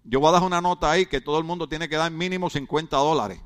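A man's voice: on the high side, quick pace, smooth. A male pastor preaching a humorous sermon, joking and chatty with rhetorical questions.

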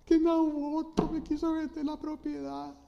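A man voicing a sulking adult king who whines in a tantrum, in a high complaining voice. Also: little pitch movement, a little slow, creaky, warm tone, full character voice. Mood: whining. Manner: high-pitched whiny complaining. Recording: slightly dull lo-fi audio.

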